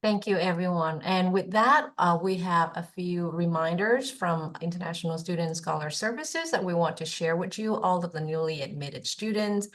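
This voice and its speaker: Low-voiced woman introducing a webinar panel. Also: normal speed, few pauses. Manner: polite, hesitant, with uhs. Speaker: associate director of international student services.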